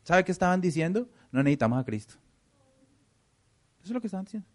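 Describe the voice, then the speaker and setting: A man preaching a sermon, animated and acting out the voices of the people he quotes. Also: high voice, quick pace. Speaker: pastor.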